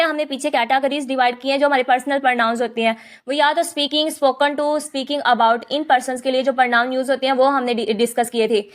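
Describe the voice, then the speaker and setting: High-voiced woman teaching grammar. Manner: explains in Hindi-English mix, repeats "ठीक है" often. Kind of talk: online lesson.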